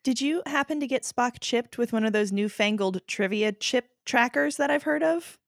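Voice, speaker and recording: A woman's voice: on the high side, moderate pace, vocal fry, no echo, clean studio sound. A woman co-hosting a comedy trivia podcast, earnest and mock-dramatic. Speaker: podcast co-host. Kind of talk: playful comedic banter.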